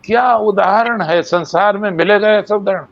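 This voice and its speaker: A man's voice: high-pitched, normal speed, gravelly, dull audio. An older man giving a devotional lecture, telling stories and acting out the voices of sages and animals. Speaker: main speaker.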